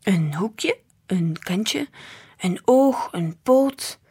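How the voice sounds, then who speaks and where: A woman voicing a burly old grandfather shopkeeper who grumbles calmly and never gets ruffled. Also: mid-range voice, extremely slow, breathy edge, heavily acted. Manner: grumbling, unflappable.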